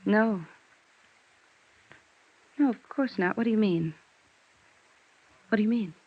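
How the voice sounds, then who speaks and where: Through a dull vintage radio recording, a bitter, guarded widow speaks with a smoky creak in her medium-pitched voice. In the style of 1950s radio noir drama, she confides wearily and wistfully, halting as she goes, her mood defensive.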